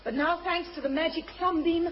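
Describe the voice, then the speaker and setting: A woman's voice: very high-pitched, fairly even intonation, a little fast, a little hiss or hum. A woman playing a confident, grand talking cat who serves as a loyal valet, in theatrical pantomime style. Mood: proud, eager. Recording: muffled stage recording with music.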